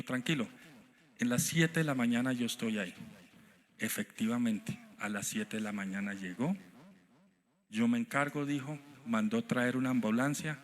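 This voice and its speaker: Guy preaching in church, storytelling, acts out the dialogue, gets loud on the big points. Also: mid-range voice. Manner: storytelling, acting out quoted dialogue, rising to loud emphatic points. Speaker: guest preacher. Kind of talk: sermon with personal stories. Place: church sanctuary.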